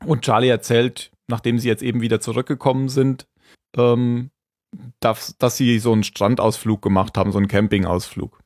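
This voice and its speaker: A man's voice: mid-range voice, flat delivery, moderate pace, darkish tone, no echo, clean studio sound. A man hosting a podcast, casually recapping an episode in a conversational way. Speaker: podcast host.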